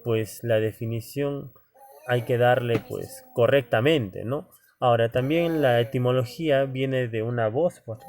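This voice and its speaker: A man's voice: mid-range voice, a little mellow. A male teacher lecturing students informally, checking in with frequent tag questions and fillers and speaking to them directly. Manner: conversational, many "¿no?" tags and fillers; addresses students directly as "joven".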